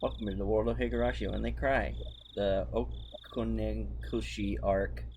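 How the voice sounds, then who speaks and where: Low gravelly guy streaming a visual novel, hammy reading, noisy home mic. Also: fairly even intonation, moderate pace, a little mellow. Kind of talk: casual chat and reading game text aloud. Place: at home, people in the background.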